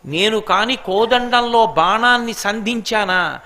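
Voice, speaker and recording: A man voicing a wrathful divine prince, proud and commanding, declaiming with indignation, in a bright, fairly high voice. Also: measured pace, reverberant, heavily acted.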